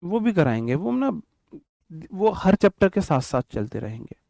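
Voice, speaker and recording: Young male tutor, casual exam-prep lecturing, fairly high voice, dry close sound. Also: big pitch swings, moderate pace, creaky, darkish tone, no echo. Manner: explains in Hindi mixed with English terms, repeats and counts out examples; addresses students directly, casual and chatty. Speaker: English teacher.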